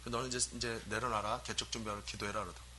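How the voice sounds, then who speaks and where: A man's voice: lowish voice, level tone, very fast, sharp tone, a little hiss or hum. A middle-aged male pastor preaching a sermon with emphatic call-and-response questions to the congregation.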